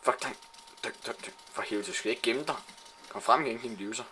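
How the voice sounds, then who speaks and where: A man giving excitable live commentary while playing a shooter game, swearing and trash-talking his opponents. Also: mid-range voice, slight background noise.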